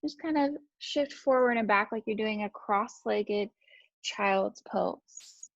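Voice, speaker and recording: Slow, calm woman guiding yoga. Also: medium pitch, gravelly, no echo, muffled recording. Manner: calm, unhurried cueing of breath and movement. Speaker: yoga instructor. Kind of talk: guided yoga class instruction.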